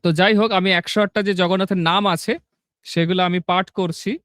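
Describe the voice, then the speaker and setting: A man's voice: high-pitched, steady tone, fairly quick, fairly bright tone, dry recording, studio quality. A man teaching a devotional class, explaining rules and then reciting a long list of sacred names, often checking that listeners understand. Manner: instructive, asks "understood?" often. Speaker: religious teacher.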